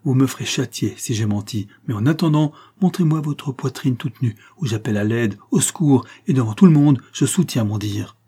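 A man voicing an elderly male steward in an audiobook, slipping from a trembling hush into loud accusation. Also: lowish voice, steady tone, brisk, hardly any pauses, husky. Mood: accusing. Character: older male steward, faithful then accusing.

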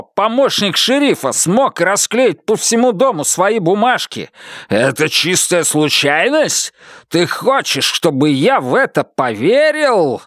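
A man voicing a brutal, bullying middle-aged husband who snarls and shouts his contempt. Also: fairly high pitch, no echo, studio quality, pitched above the performer's own voice.

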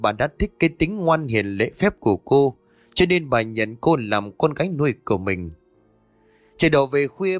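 A man narrating a ghost story in a steady, measured manner on a close mic. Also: medium pitch.

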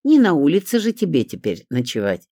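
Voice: mid-range voice, wildly swooping pitch, brisk, dark tone, no echo, studio quality, voice pushed up. A reader voicing a brash, mocking neighbour woman who cackles and needles in a storybook.

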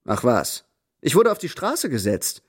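A composed young tutor. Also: male voice, mid-range voice, huge pitch swings, husky, full character voice. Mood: defiant. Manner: measured, cool and composed. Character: proud young tutor, composed and defiant man. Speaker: first-person narrator and protagonist. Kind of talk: radio drama acting.

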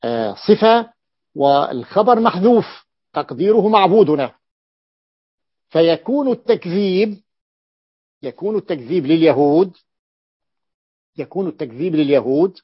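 Guy teaching a grammar class, says stuff twice, asks then answers himself, kinda high voice, dry room. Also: sing-song, normal speed, long pauses, slightly rough, no room sound. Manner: repeats key phrases, asks and answers his own questions. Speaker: sheikh teaching rhetoric. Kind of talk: classroom lesson explaining Arabic grammar. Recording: dull, dry lo-fi lecture recording.

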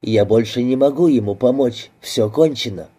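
A man's voice: mid-range voice, normal speed, dark tone, breathy edge, lightly acted. Man voicing a defensive young woman. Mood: despairing.

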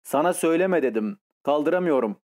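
An awkward young man who snaps back curtly, as the male narrator voices him. His voice is slightly high yet dark and mellow. He sounds defensive in an audiobook. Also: expressive, brisk, natural voice. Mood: gruff. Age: young adult. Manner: curt, defensive. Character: shy, awkward youth turning gruff.

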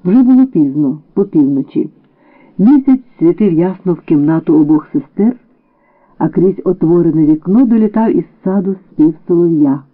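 High-voiced male story narrator on the radio. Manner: expressive, dramatic reading. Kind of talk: literary audiobook reading. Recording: tinny narrow-band radio broadcast.

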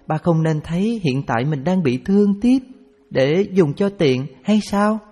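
A man's voice: on the high side, expressive, measured pace, dark tone, voice pushed up. A man voicing his young schoolgirl daughter, earnest and reproachful, in a story reading. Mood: scolding. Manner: earnest, questioning tone. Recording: reverberant with background music.

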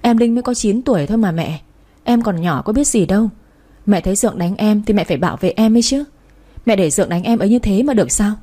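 A woman's voice: medium pitch, lively intonation, quick pace, warm tone, lightly acted. A woman voicing a fifteen-year-old girl who is protective of her little sister and stands up to her mother. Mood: earnest, pleading.

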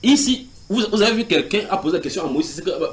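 A man's voice: high-pitched, fast talker. A man preaching in a house church, teaching from the Bible, reading scripture aloud and putting questions to his listeners. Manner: animated, asks the group questions and reads scripture aloud.

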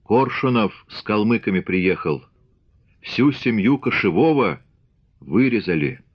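Low-voiced male audiobook narrator. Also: expressive, a little slow. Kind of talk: scripted narration. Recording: dull lo-fi audiobook recording.

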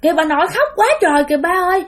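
Woman doing an excited little girl. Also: very high-pitched, very fast, pitched above the performer's own voice. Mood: excited, urgent. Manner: babbling, insistent pointing out.

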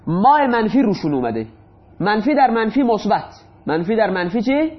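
A man's voice: high voice, very animated. A male teacher giving a grammar lesson, patiently repeating examples and asking questions that he then answers himself. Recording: dull lo-fi recording.

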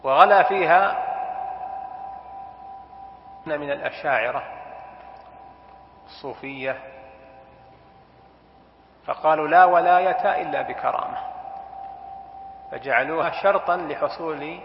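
A man, a sheikh explaining a classical text in a lesson, slow and deliberate and stressing key terms. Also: fairly high pitch. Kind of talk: scholarly lesson commentary. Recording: echoey hall, dull sound with faint hiss.

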